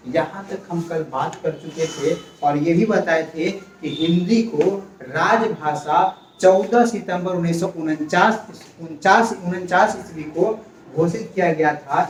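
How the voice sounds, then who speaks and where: A man with a slightly raised voice teaches a class, asking questions and repeating each answer slowly. He is heard from a distance in an echoey classroom, with faint noise behind him. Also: a little high. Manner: repeats key words, quizzes students; calls for quiet. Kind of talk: classroom lecture.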